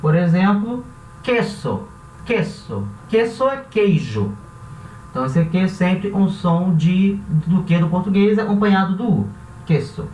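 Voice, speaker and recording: A man teaching a language class who talks patiently and repeats each word slowly, often checking in with his students. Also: high voice, lively intonation, a little mellow, distant mic. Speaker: Spanish teacher. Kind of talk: classroom lesson. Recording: roomy, dull sound from off mic with faint hiss.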